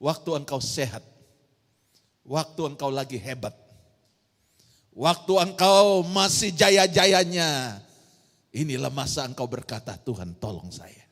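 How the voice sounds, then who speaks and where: Woman preacher, gravelly and emphatic, questions the congregation directly, recorded in a big echoing church hall. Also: deep voice, lively intonation, slow pace, pauses often. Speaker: pastor. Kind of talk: sermon. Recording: long church-hall reverb.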